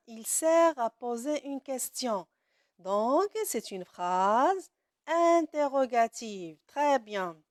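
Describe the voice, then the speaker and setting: A woman teaching a grammar lesson to children, speaking slowly and deliberately, stretching key words and praising often. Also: a little high, no room sound, clean studio sound.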